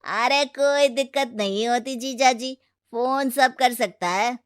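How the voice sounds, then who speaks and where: A woman's voice: on the high side, takes it slowly, clear, resonant tone. A woman voicing a cocky twenty-year-old young man hooked on his phone, breezy and dismissive. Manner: breezy and dismissive, whiny when upset.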